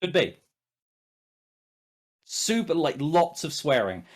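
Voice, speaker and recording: A man narrates a tabletop role-playing game as game master. His voice sits a little high and swings widely in pitch. He improvises casually and emphatically, swearing as he goes. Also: sing-song, slow.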